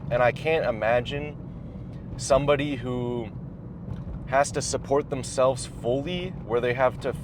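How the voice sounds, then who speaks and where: A young adult man gives casual, reflective advice while driving and eating, speaking haltingly and thoughtfully with his mouth at times full. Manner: halting, thoughtful, pausing mid-phrase. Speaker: vlogger giving personal advice. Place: inside a car while driving. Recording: clear vehicle and road noise. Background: car and road rumble.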